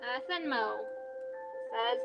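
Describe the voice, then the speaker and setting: A woman's voice: a little high, animated, takes it slowly, highs cut off, over music. A young woman streaming and reading out live chat in a casual, rambling way, full of "like" fillers.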